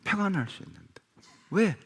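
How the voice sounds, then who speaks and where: A middle-aged man preaching a sermon as pastor, emphatic and animated, often asking rhetorical questions. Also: high voice, moderate pace, creaky, slightly rough. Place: church hall with long reverb. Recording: reverberant church hall recording.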